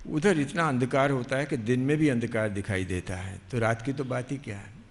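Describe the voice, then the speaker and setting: A man, a monk, telling a devotional story in a slow, explanatory way, stretching his words. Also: medium pitch. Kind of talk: devotional storytelling with sung verses. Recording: long hall reverb, faint music behind.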